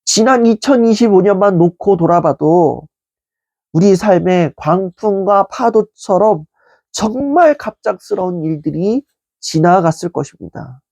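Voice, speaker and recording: A pastor giving a calm, measured sermon at an online prayer meeting, slowing down and softening the voice for quoted words. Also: medium pitch, creaky, no room sound. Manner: calm, measured preaching with soft, slowed quotations.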